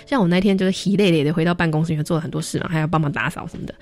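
Young woman talking quick on a radio chat, lowish voice, faint music under it. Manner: lively storyteller, acts out quoted voices. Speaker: social worker guest. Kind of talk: radio interview storytelling.

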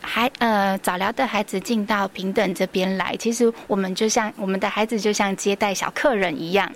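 A woman's voice: mid-range voice, steady tone, fairly quick, slight background noise. A woman with a Taiwanese Mandarin accent, a preschool teacher guest on a radio interview, telling stories earnestly with many fillers.

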